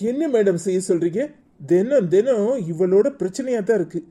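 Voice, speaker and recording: A fed-up office boss with a Tirunelveli Tamil accent, voiced by a man. He scolds in a dark, mellow tone. He sounds worn out and short-tempered in a cartoon comedy. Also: high voice, normal speed, breathy edge. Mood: exasperated.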